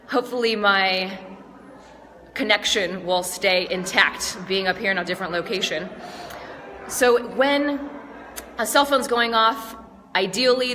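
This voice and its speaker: Congested female speaking coach, bright and upbeat, chatty, long hall reverb. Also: medium pitch. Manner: upbeat, chatty, asks the viewer questions. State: congested from allergies. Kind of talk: casual tips vlog. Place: large stage venue.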